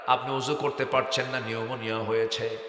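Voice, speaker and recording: A man's voice: mid-range voice, level tone, a little fast, reverberant, long reverb tail. A Bangladeshi man from North Bengal preaching an impassioned sermon to a gathered crowd, calling out for their responses. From Bogura, Bangladesh. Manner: impassioned, rising to shouts, calls for crowd responses. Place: religious gathering with audience.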